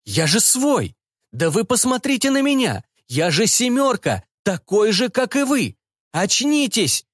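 A frantic cyborg repairman shrieks and begs in a strained, high voice that swoops up and down, as a man reads him in an audiobook. The sound is close and dry. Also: sing-song, dry recording, exaggerated voice. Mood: pleading. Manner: high, shrill, rapid pleading. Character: panicky male cyborg mechanic, pleading and indignant. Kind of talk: audiobook character voice.

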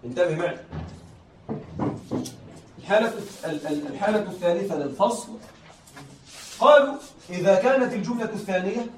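A man's voice: sits high, brisk, long pauses. A male teacher explaining a grammar lesson to a class, often repeating himself and checking that his students follow. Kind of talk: classroom lesson on Arabic rhetoric. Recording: echoey room, voice from far off, faint background noise.

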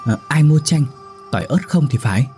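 A man's voice: a little high, expressive, a little fast, dark tone, faint music behind, pitched above the performer's own voice, close to an everyday voice. A man voicing a frightened middle-aged wife who speaks anxiously and stammers.

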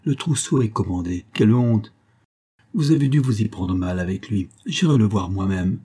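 A man reading aloud and voicing an impatient, dramatic society mother, lifting his pitch for her lines. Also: expressive, moderate pace, dark tone, husky. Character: anxious scheming society mother, middle-aged woman.

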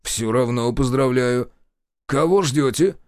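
A man's voice: mid-range voice, a little mellow, dry recording, studio quality, lightly acted. A man voicing a sly, sarcastic male informant who mocks and needles others, in an audiobook. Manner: sly, mocking, drawn-out. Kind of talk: audiobook character voice.

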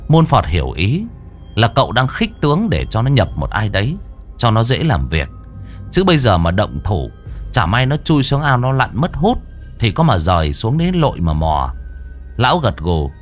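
A man's voice: lowish voice, wildly swooping pitch, moderate pace, faint music behind. A man narrating a ghost story in a vivid, dramatic way with crude slang.

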